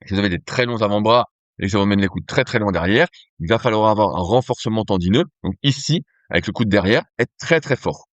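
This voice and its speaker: A man's voice: fairly low pitch, animated, fast, no echo. A man explaining strength training on a podcast in a conversational way, with fillers and restarts. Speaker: podcast host, nutrition company cofounder.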